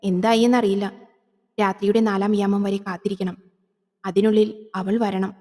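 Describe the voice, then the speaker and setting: A woman's voice: mid-range voice, little pitch movement, normal speed, warm tone, lightly acted. A woman plays a stern, elderly male priest conducting an exorcism rite, grave and commanding in tone. The voice sits in a long, hall-like reverb.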